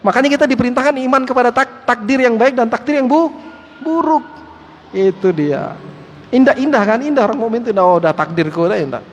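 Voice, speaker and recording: A male Islamic teacher giving a lively study-circle sermon in a mosque, joking with the listeners and calling them Pak and antum. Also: very high-pitched, a little fast. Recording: echoey hall with faint background noise.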